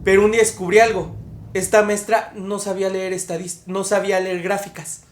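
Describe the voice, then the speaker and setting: A woman's voice: mid-range voice, little pitch movement, fairly quick. A young woman, a podcast co-host in casual conversation who argues her point at length and laughs at herself. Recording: echoey room.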